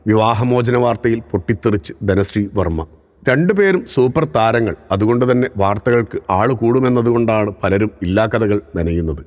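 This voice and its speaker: A man giving scripted news narration in a steady, formal reading voice. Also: lowish voice, brisk. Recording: long reverb.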